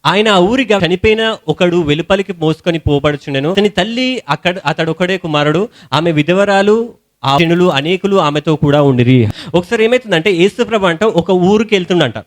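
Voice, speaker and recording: Young male preacher, Telangana Telugu accent, high voice, colloquial storytelling sermon. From India. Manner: storytelling sermon in colloquial speech, rising to shouted hallelujahs.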